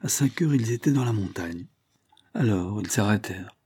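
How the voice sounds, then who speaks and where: A man reading a classic story aloud as an audiobook narrator, in a measured, even manner. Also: lowish voice, husky, no echo, clean studio sound. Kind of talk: scripted narration.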